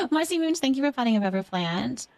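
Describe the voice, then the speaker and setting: A Canadian host chats through viewer comments on a relaxed livestream, affectionate and encouraging, calling her audience sweet names. Her voice sits high with big pitch swings, a brisk pace, and a darkish tone.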